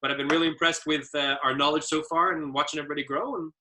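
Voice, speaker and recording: Bright-voiced man giving ski training talk. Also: fairly high pitch, fairly even intonation, racing. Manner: easygoing storyteller with many fillers. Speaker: adaptive ski instructor trainer. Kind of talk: casual training presentation.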